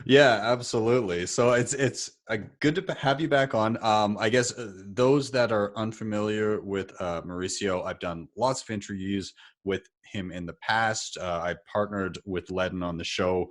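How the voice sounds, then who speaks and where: At a normal speed and with fairly even intonation, a podcast host in his thirties speaks in a voice on the low side. It's a casual interview, upbeat and conversational with fillers, recorded in his home office through a studio mic with headphones.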